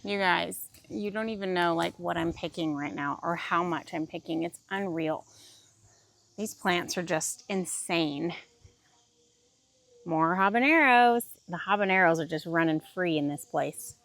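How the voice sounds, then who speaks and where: A woman's voice: on the low side, a little slow, vocal fry, a bit bright. A woman, chatting casually and laughing easily while vlogging outdoors in a farm garden. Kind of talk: casual vlog chat.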